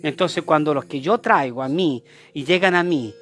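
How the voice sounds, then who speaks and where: A man speaking Chilean-accented Spanish preaches as an apostle at a moderate pace, his voice a little high and a bit bright. He hammers his points through repetition and fires rhetorical questions at his listeners.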